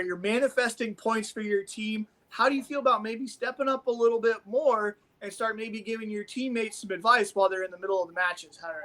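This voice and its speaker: The audio is poor, carrying a man's high, slightly bright voice. He hails from Omaha, Nebraska and offers casual, rambling, coach-like commentary on martial arts sparring with plenty of enthusiasm.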